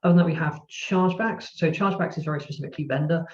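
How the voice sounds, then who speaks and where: A man's voice: a little high, racing. Man explaining over echoey, dull call audio. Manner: steady, methodical explaining. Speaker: webinar presenter, strategist. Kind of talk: business webinar explanation.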